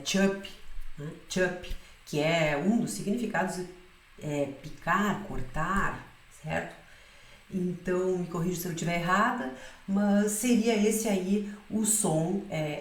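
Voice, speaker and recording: A woman's voice: fairly low pitch, echoey room. A woman teaching a Spanish pronunciation lesson in Portuguese, explaining patiently and often checking in with her students.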